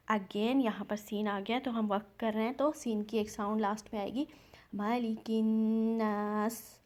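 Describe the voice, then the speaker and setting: A woman teaching Quran recitation, patiently explaining each rule and stretching out example words slowly. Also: mid-range voice, darkish tone. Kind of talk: step-by-step recitation lesson.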